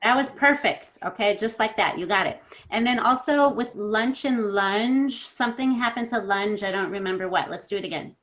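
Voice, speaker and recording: A woman leads a pronunciation lesson, patiently correcting learners. She models words slowly and keeps her tone encouraging and practical. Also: mid-range voice, fairly bright tone. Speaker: accent coach.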